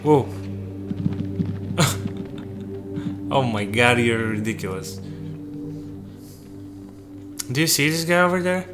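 A man's voice: mid-range voice, expressive, unhurried, music in the background. A man giving casual gameplay commentary, joking and talking to the game's characters as if they were his crew. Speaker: let's play gamer.

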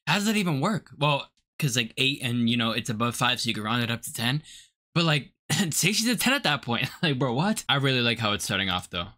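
A music video reactor giving casual, excitable commentary full of slang and playful jokes. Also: mid-range voice. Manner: excitable, playful, quick to gush and joke; casual slang, calls listeners bro. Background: song playing faintly.

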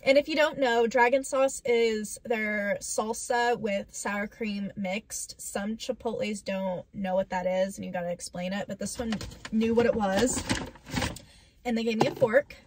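A woman's voice: medium pitch, steady tone, unhurried, noisy background. A young woman hosting a casual mukbang vlog, bubbly and chatty with lots of fillers. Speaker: vlogger.

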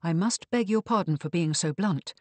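A man's voice: sits high, normal speed, darkish tone, dry recording, lightly acted. A polite but firm young heroine, read by a man, urgent and composed. She stays close to the reader's own voice. The sound is dry.

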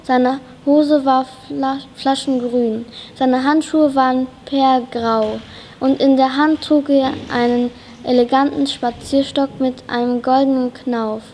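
A woman's voice: high voice, steady tone, slow pace, darkish tone, a little hiss or hum. A woman reading a children's novel aloud in a reading competition, carefully, with small slips and restarts. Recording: long reverb of a school hall.

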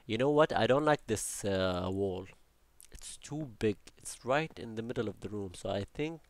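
A young Arabic-accented man talks casually as he builds in a game for his Minecraft channel, rambling, chatting, cracking jokes, and talking to himself. His voice is on the low side and expressive at normal speed, with a little hiss or hum in the audio.

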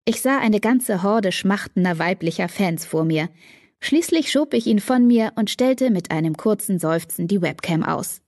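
A woman's voice: medium pitch, expressive, moderate pace, a little mellow, no room sound. Woman narrating an audiobook, dry sound. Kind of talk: first-person audiobook narration.

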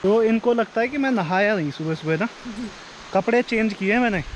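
A man's voice: high-pitched, fairly quick, slight background noise, poor audio. A man, vlogging outdoors in hill country near a river, chatty and joking as he talks straight to viewers on a handheld camera. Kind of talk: casual vlog narration.

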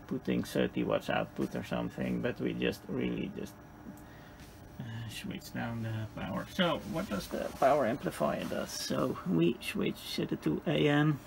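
Working at an indoor electronics workbench, a Dutch-accented male hobbyist demonstrates equipment without a script, speaking haltingly and repeating words. His mid-range voice is gravelly with heavy vocal fry, and the room recording carries clear noise.

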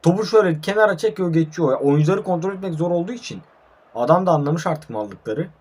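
A man's voice: on the high side, expressive, fast talker, a little mellow, husky. A young man giving live commentary over his own online football match, frustrated and swearing as he plays. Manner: frustrated, swearing, talking to himself and viewers.

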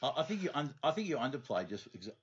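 A man's voice: medium pitch, very animated, fast, slightly rough. A man hosting a podcast, asking questions in an easygoing, encouraging way. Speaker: podcast host. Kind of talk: casual chat. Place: home podcast studio. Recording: dull lo-fi studio recording.

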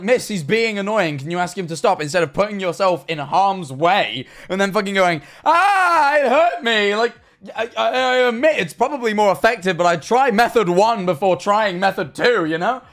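Reading chat on his livestream, a young man reacts with sarcasm and plenty of swearing, his high-pitched voice moving at a moderate pace. He's seated at a desk in a small bedroom setup, using a headset-style studio mic, with soft music playing behind him.

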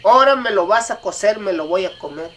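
A man's voice: sits high, lively intonation, a little fast, bright, forceful tone, slight background noise. A man doing a plucky bullied boy, raised voice. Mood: complaining. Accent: Mexican.

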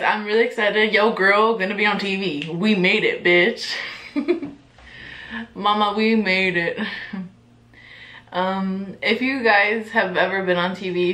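A woman's voice: on the low side, sharp tone. A young woman in her twenties chatting casually to camera as a vlogger, giggly and full of filler words and swearing. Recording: echoey room.

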